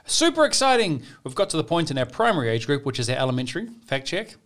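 Man, New Zealand accent, upbeat podcast host, slightly higher voice. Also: sing-song, quick pace, a bit bright. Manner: upbeat, joking, runs the agenda. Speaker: podcast host, children's pastor. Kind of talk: casual podcast chat.

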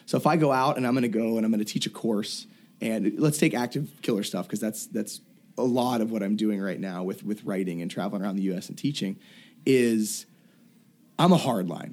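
A man's voice: fairly low pitch, darkish tone. A man, a self-defense and fitness coach, talking bluntly and emphatically in a casual interview, swearing freely and restarting his thoughts. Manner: blunt and profane, emphatic, thinks aloud with restarts.

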